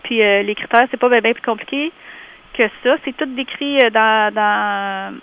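A woman with a Québécois French accent calling in to a radio show for a community group, talking in a lively way with many hesitations. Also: on the high side, moderate pace, clear, resonant tone. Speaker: community organization representative. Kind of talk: casual radio interview by phone. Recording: tinny phone line.

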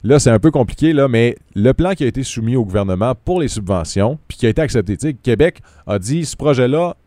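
Quebec man, radio news host, quick chatty delivery, dark dry voice. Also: mid-range voice, expressive, no echo. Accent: Quebec French. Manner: quick, chatty, restarts and fillers. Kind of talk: news report and casual radio chat.

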